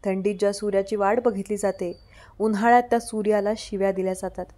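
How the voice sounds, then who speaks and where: A woman reading out scripted devotional messages with a steady, preaching delivery. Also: medium pitch, fast.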